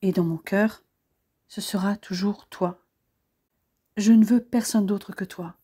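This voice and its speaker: A woman voicing a loving young French woman, gentle and affectionate. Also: mid-range voice, fairly even intonation, slow pace, husky.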